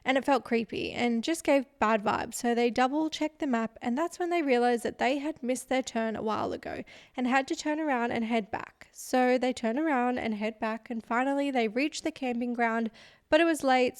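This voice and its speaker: A woman co-hosting a podcast, narrating a true crime case in a relaxed, chatty way and teasing her co-host. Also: on the high side, normal speed, no echo, studio quality. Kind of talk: casual storytelling chat.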